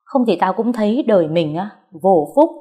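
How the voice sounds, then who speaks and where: A woman voicing a furious, scornful middle-aged mother-in-law, who curses and sneers as she shouts. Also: medium pitch, lively intonation, normal speed, husky. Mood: scornful, raging.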